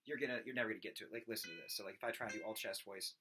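A man in his thirties coaches singing casually over a desk-distance webcam at home, using his hands and belting high screams to demonstrate. He speaks rapid-fire in a small, nasal, slightly whiny voice that is pushed, bright and a touch rough, with faint music in the background.

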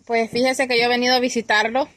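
A woman's voice: a little high, little pitch movement, fast, dry recording. A woman with a Salvadoran Spanish accent, chatting casually as a vlog host behind the camera. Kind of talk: casual chat, interviewing on camera. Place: outdoors by a rural road and farmyard. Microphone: behind the handheld camera. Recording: bright outdoor phone audio, faint background noise.

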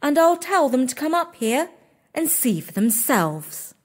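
A narrator voicing a bossy, bad-tempered elder sister who scolds and domineers in a shrill, high voice. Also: sing-song, unhurried. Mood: accusing. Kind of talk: storybook character voice.

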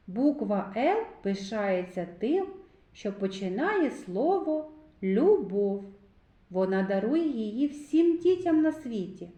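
With a medium-pitched, dark-toned voice, a woman teaches young children phonics, stretching every word out and sounding letters out individually. She is a preschool teacher, recorded in an echoey room.

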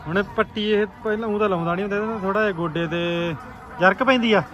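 A man's voice: high-pitched, fast, lo-fi sound. A man with a Malwa Punjabi accent making casual vlog banter. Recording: noisy car and outdoor recording.

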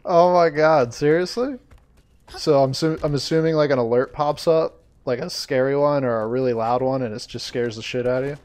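A man streaming a game live, chatting to viewers, easily frustrated, swearing and breaking into loud surprised outbursts. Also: medium pitch, steady tone, fairly quick, hardly any pauses. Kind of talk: live gameplay commentary.

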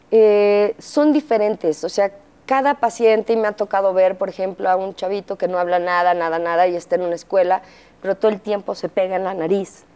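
A middle-aged woman with a Mexican accent telling her story as an interview guest, pausing often with fillers and acting out quotes. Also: medium pitch, a little mellow, clear, resonant tone. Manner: halting, frequent fillers, acts out quotes. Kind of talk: candid interview testimony.

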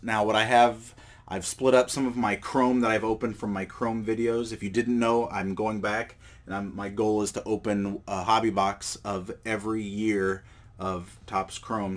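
Showing off cards at a table indoors, the host of a card collecting channel talks with a cold in a voice on the low side. It's a relaxed, rambling show-and-tell vlog, peppered with fillers and self-corrections.

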